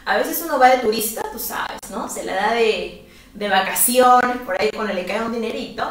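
A woman's voice: fairly high pitch, moderate pace. Chatty encouraging woman teacher, echoey room. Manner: lively and encouraging, chatty asides with laughter. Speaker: English teacher. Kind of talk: live-streamed language lesson. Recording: echoey room, voice far from the mic.

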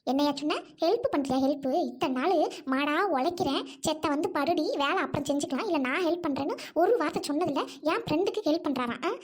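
A woman voicing a quick-tempered older housewife in a Tamil cartoon, with a Trichy accent and a scolding manner. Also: high voice, natural voice. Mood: furious. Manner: scolding, shouting.

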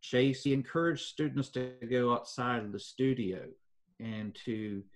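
An older man, telling local history in an interview at an even pace with many fillers. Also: mid-range voice. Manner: measured storytelling with frequent fillers. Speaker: foundation president, guest.

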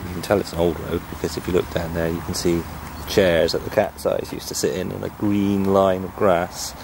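Strolling along a country path, a man with a low, gravelly voice gives a musing, casual commentary at normal speed and in a level tone. He's an amateur film narrator recording on a handheld camera mic, and the outdoor sound is noisy.

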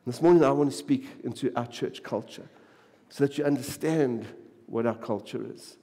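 A pastor preaching a sermon, repeating phrases for emphasis and dropping to a hush on key lines, from South Africa. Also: male voice, mid-range voice, normal speed. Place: church sanctuary. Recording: long church reverb.

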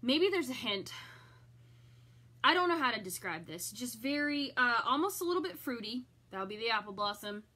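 In a fairly high voice with big pitch swings, pushed and bright, a middle-aged woman vlogger unboxes a subscription box live. She chats with viewers at a moderate pace, reacting aloud enthusiastically as she reviews it.

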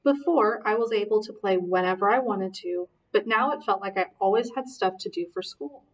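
A woman reading a novel aloud in a steady, earnest narration, recorded a little distant from the mic. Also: mid-range voice, normal speed. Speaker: reader. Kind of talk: audiobook narration.

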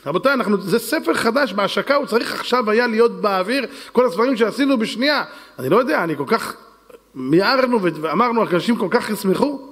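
High-voiced rabbi pleading in a hall. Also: male voice, expressive, a bit bright. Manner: insistent, pleading, repetitive. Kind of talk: fundraising sermon appeal. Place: synagogue hall with women's section. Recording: long hall reverb.

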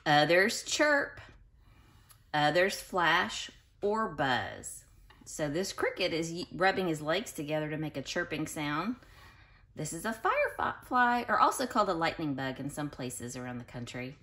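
Reading a picture book to little children, a woman uses a low, unhurried voice. She sounds like a teacher: expressive, clearly enunciated, and given to explanatory remarks and questions.

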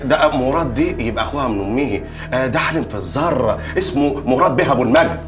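A man's voice: mid-range voice, lively intonation, fast talker, over music, lightly acted. An actor in a TV comedy playing a nervous neighborhood Egyptian man, fawning and evasive before a police officer. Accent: Egyptian Arabic.

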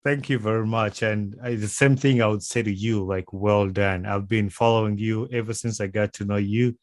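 Speaking close to a boom-mounted podcast mic in his small home studio, a host with a Ugandan accent conducts a relaxed, conversational interview. His voice is lowish and fairly even in intonation, at normal speed, with no echo.

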